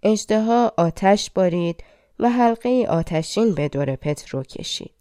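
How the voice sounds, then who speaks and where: A woman narrating a fairy tale audiobook in a measured, dramatic storytelling manner. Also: mid-range voice, animated, mellow, dry recording, clean studio sound.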